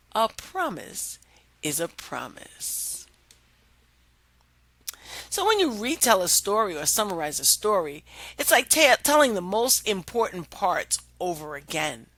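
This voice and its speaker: As a reading teacher, a woman tells a children's story and explains it in an expressive, deliberate way. Her voice is mid-range, and the recording is dry.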